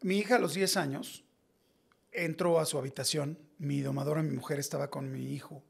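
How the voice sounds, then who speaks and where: A Mexican man in his forties, a podcast guest, telling personal stories in a blunt, slangy, animated way. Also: a little high, normal speed, creaky, breathy edge. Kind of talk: casual podcast conversation.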